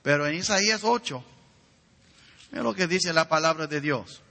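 A man's voice: a little high, moderate pace, vocal fry, sharp tone. A man preaching a sermon, building to emphatic rises and stretching key words for stress. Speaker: pastor. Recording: reverberant hall.

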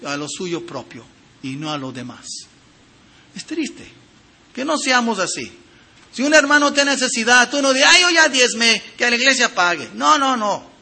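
High, bright, lively preaching man. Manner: expressive preaching, reads scripture aloud, addresses congregation directly; emphatic swings in loudness and pitch. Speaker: pastor. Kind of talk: sermon.

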